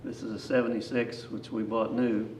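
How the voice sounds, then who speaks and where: Rambling older grandpa telling stories, echoey and distant. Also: male voice, lowish voice, level tone, normal speed, darkish tone. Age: 60s or older. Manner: rambling, folksy, plain-spoken, backtracking. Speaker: grandfather, guest storyteller. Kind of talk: rambling grandpa story, unscripted personal reminiscence. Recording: echoey, distant mic, faint noise.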